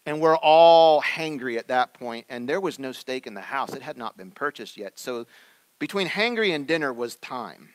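A man's voice: mid-range voice, lively intonation, normal speed, no echo. A man preaching a sermon in a conversational, joking storytelling manner, laughing along with his own anecdotes. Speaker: pastor.

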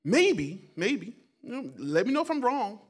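A man preaching a sermon as a guest pastor, loud and emphatic in places and quiet in others, often repeating his words and phrases. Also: very high voice, very animated, unhurried. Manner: preaching, swings between quiet asides and loud emphatic calls.

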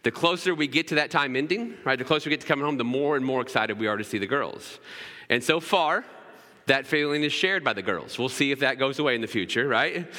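A man in his thirties preaches a sermon in a church sanctuary, speaking casually and conversationally and often checking in with "right?". His medium-pitched voice is expressive, fast, bright, and forceful. The recording carries a long hall reverb.

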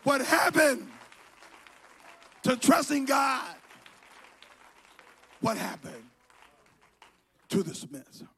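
A high-pitched man in middle age, raised in Liberia, preaches from the pulpit of a church. He talks low and easy through the Bible story, then climbs into loud, shouted calls. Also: very animated, drawn-out words, gravelly, long pauses, slightly rough, some chatter behind. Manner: preaching with swings from quiet talk to shouted calls. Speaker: pastor. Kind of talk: sermon. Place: church sanctuary.

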